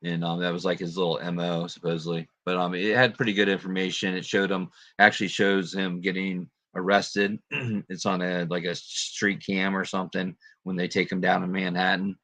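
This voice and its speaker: A man's voice: low voice, flat delivery, moderate pace, sharp tone, no room sound. A man hosting a casual livestream, greeting viewers and chatting in a laid-back way with plenty of fillers and laughs. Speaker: livestream host.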